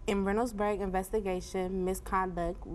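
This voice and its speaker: A woman's voice: medium pitch, flat delivery, moderate pace, darkish tone, slight background noise. A woman reading scripted news as an anchor, in a formal broadcast delivery that stumbles now and then. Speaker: student news anchor in a mock newscast.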